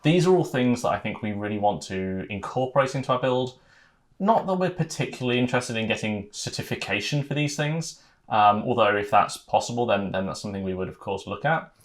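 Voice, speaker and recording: A man in his thirties with a fairly low voice, talking earnestly to camera. His vlog delivery is relaxed and thoughtful, with the odd um and uh. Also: a little fast. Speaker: vlogger.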